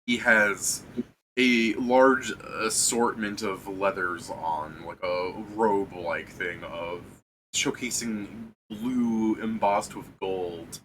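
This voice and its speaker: A man's voice: lowish voice, steady tone, slow, a bit bright, rough recording. A man working as game master, casually narrating with irreverent, sweary and hesitant descriptions. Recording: faint background noise.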